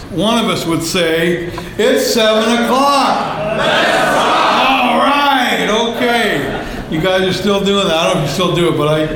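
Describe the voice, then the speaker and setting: A gravelly, high voice comes from an older man giving a personal share at a recovery meeting. He talks into a handheld microphone in a meeting room, rambling in a folksy way with many fillers, and the recording is low quality.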